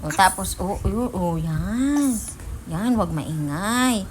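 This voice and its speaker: A woman's voice: mid-range voice, lively intonation, slow pace, heavy background noise. A woman vlogging at home, coaxing her toddler in a playful way and repeating her prompts to him. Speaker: vlogger and parent.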